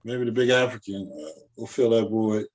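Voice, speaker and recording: A man's voice: fairly low pitch, normal speed, low-quality recording. A middle-aged man co-hosting a casual sports talk show, giving blunt opinions with plenty of profanity. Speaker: co-host.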